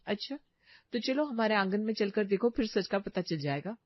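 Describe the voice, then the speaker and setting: A woman voicing a young gossipy daughter-in-law in a cartoon story, shrill and accusing. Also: expressive, normal speed, no echo, lo-fi sound, natural voice. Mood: indignant.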